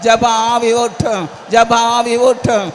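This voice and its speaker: A man with a Tamil accent preaches in a high voice at an unhurried pace, repeating his pleas until they swell into shouted prayer. His voice rings through a church prayer hall with a long reverb tail and a faint hum of ambient noise behind it. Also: flat delivery, a faint crowd. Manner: repetitive, pleading, builds to shouted prayer. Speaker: pastor. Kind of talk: sermon and loud congregational prayer.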